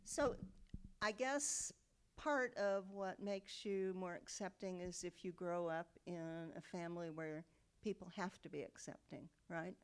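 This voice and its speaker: A woman in her seventies speaks in a slightly low voice. She recalls her family's past in a reflective, unhurried way, often pausing on "um" and checking in with "okay?". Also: clean tone. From United States. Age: 70s. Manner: reflective storytelling with frequent um and okay. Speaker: interviewee. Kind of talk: oral history interview.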